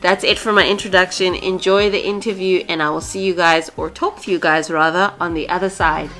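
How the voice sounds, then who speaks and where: Casting: young woman, podcast host, chatty, a little low-pitched, headset on a video call. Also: steady tone, a little fast, bright, forceful tone, faint music behind. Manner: chatty, laughs often, restarts. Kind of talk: podcast interview.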